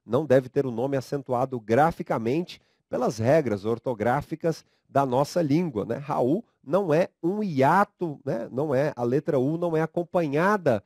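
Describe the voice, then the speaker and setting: A man with a Brazilian Portuguese accent teaching a recorded grammar lecture, speaking slowly and emphatically, drawing out syllables and coaxing students to read aloud. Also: medium pitch, lively intonation, darkish tone, no echo, clean studio sound. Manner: slow, emphatic, drawn-out syllables.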